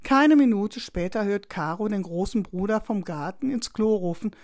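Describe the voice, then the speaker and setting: Female narrator for a kids' story, lively and expressive. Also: medium pitch, normal speed. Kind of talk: children's story reading.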